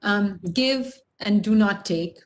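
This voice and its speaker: A woman moderating a live webinar, enthusiastic but halting, with many fillers. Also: medium pitch.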